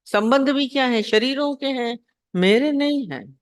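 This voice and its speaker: A woman's voice: sits high, a little slow, dry recording, clean studio sound. A woman spiritual teacher giving a devotional discourse. She asks rhetorical questions, repeats her points and acts out short anecdotes.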